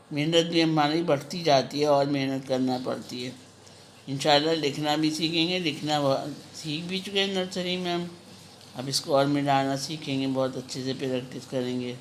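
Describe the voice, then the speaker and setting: A woman teaching an online phonics lesson to kindergarten children, drilling syllables slowly and patiently. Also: low voice, fairly even intonation, a little hiss or hum. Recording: echoey room.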